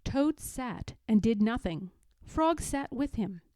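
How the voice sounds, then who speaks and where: A woman reads a children's story aloud in a high, mellow voice. Her delivery is deliberate and expressive, moving slowly through each sentence. The recording is close and dry. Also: dry recording. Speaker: storybook reader. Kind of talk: scripted children's story narration.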